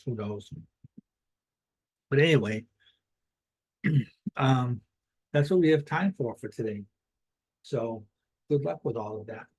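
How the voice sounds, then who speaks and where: A middle-aged male tarot reader gives a star-sign reading in a casual, conversational way, tacking "right?" onto his phrases again and again. His mid-range voice is a little mellow and slightly rough, and the highs are cut off.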